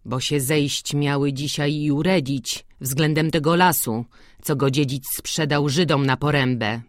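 Reader putting on an angry young farmhand guy, bitter and grumbling, slow, dry sound. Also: mid-range voice, steady tone, dry recording, lightly acted. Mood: resentful. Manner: resentful, grumbling.

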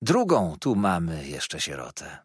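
A man voicing a kindly old fisherman who speaks slowly and fondly in a low voice. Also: huge pitch swings, slightly rough, no room sound, studio quality, full character voice. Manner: warm, slow, low murmur.

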